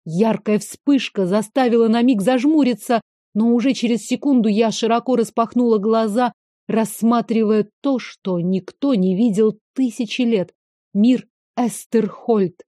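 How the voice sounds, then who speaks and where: A woman's voice: on the high side, unhurried, warm tone, no echo. A woman narrating a first-person fantasy audiobook in a dramatic, emotive reading, recorded on a close mic.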